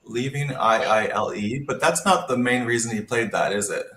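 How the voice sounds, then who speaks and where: A man's voice: medium pitch, normal speed, pushed and bright, reverberant. A man commentating a Scrabble match, analytical and thinking aloud about each move. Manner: analytical, thinks aloud while reading the board. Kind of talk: live game commentary.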